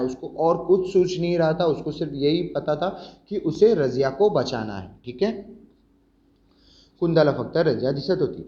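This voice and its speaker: A man's voice: a little high, a little mellow. Man explaining a school lesson, echoey. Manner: reads a line of text, then explains it, with many fillers and check-ins. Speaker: teacher. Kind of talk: online class lesson, explaining a textbook story. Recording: echoey room, dull lo-fi sound.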